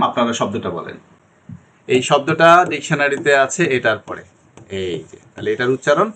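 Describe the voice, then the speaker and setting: A man's voice: mid-range voice, fairly bright tone, slight background noise. A young man teaching an online English pronunciation lesson, explaining each sound and repeating it, and often checking that the class follows.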